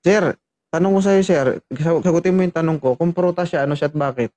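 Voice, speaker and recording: A man's voice: fairly high pitch, fairly quick, mellow. Teasing male matchmaking host. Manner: teasing, joking banter. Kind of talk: casual chat.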